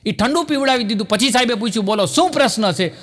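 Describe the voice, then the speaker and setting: A man telling comic folk stories on stage, jumping to higher voices for his characters. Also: animated, quick pace, fairly bright tone. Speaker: stand-up comedian and storyteller. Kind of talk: live Gujarati folk comedy storytelling. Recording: live hall recording with long reverb.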